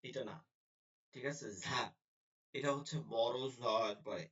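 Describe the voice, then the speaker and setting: A man leads an online Quran pronunciation class. His voice is ordinary in pitch. He repeats syllables again and again and patiently explains where the lips and tongue go. The recording sounds a little dull and lo-fi. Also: fairly bright tone. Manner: drills syllables slowly and repeats them for practice; explains mouth and lip positions patiently in colloquial speech. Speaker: Quran recitation teacher.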